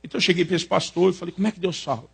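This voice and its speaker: A Brazilian man, a pastor, preaching with jokey, animated storytelling in a husky voice. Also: high-pitched, racing. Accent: Brazilian Portuguese. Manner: animated, jokey storytelling with rising excited peaks. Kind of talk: sermon storytelling.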